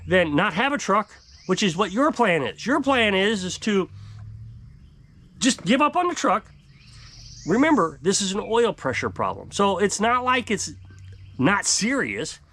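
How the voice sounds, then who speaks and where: A man's voice: extremely high pitch, pushed and bright. A man in his fifties ranting to camera outdoors on a porch, exasperated and emphatic as he talks about his homestead life. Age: 50s. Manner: exasperated, emphatic, gesturing widely. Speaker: off-grid homestead vlogger. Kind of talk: frustrated rant to camera. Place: outdoor covered porch by woods.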